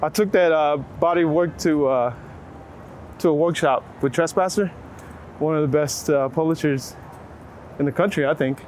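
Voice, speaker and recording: On a city street outdoors, a man from Waco, Texas, speaks casually and reflectively as a photographer being interviewed, his voice on the high side and darkish, at a moderate pace with frequent pauses. His informal, searching phrasing hedges with lots of "like." The clear recording carries street and traffic noise, urban ambience and passing vehicles.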